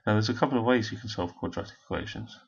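Male maths teacher, hoarse and husky, low voice, explains step by step; dull lo-fi recording. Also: racing. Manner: step-by-step explaining, talking while working a calculator. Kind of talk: recorded maths lesson walkthrough.

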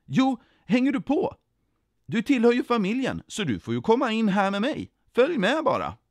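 A man's voice: high voice, wildly swooping pitch, a little mellow, no echo, studio quality, pitched above the performer's own voice, exaggerated voice. A man voicing a cheerful, welcoming Jesus in a children's story, speaking eagerly and invitingly.

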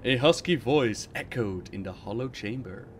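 A man's voice: medium pitch, expressive, moderate pace, a little hiss or hum. A man narrating game fiction aloud with dramatic reading and wry asides as host.

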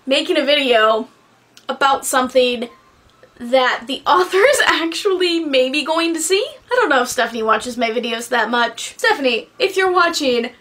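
A woman's voice: high-pitched, expressive, moderate pace, a bit bright. A young adult woman giving a casual book review to camera in a candid, rambling, casually sweary manner. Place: small bedroom, indoors.

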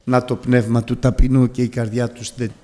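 A man preaching a Sunday sermon to his congregation, moving from hushed, low pleading to high, loud cries. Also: level tone.

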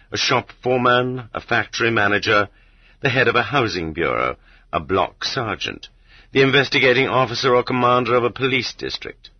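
In a husky, fairly low voice, a man narrates a literary audiobook with a deliberate, rhetorical and sardonic delivery. The recording is a dull cassette transfer with no echo.

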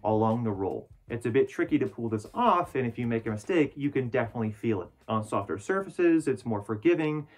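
A man's voice: medium pitch, animated, fairly quick, few pauses. A man speaking from inside a costume head, patiently explaining movement technique in an encouraging tutorial style. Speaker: parkour instructor in a fursuit. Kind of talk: instructional tutorial.

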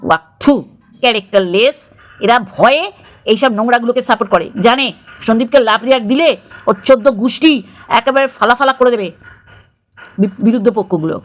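A woman vlogger delivering an angry, scornful commentary rant full of abusive, disgusted outbursts. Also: on the high side.

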